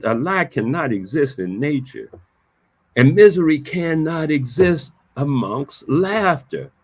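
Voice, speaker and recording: A man talking to camera in a reflective, preachy monologue, repeating his points with emphasis in casual vernacular speech. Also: medium pitch. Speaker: vlogger.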